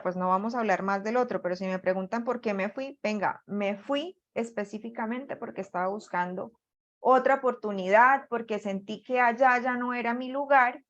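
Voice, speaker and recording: A Colombian woman with a Colombian accent leading an online workshop on job interviews, speaking with lively, deliberately varied intonation. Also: mid-range voice, muffled recording. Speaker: workshop facilitator.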